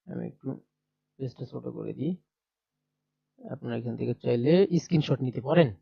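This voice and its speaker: A man's voice: medium pitch, brisk, creaky, husky, no room sound, muffled recording. A man teaching a primary class over a shared screen, explaining step by step and repeating letter sounds aloud. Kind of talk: screen-share textbook lesson.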